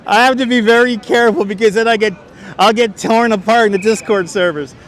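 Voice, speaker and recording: A man's voice: high-pitched, a bit bright, slight background noise. Chatty New man on a walking stream. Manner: chatty, reads chat aloud, chuckles often. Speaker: livestream host. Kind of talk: live walking stream narration. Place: city street outdoors. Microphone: wireless clip-on mic.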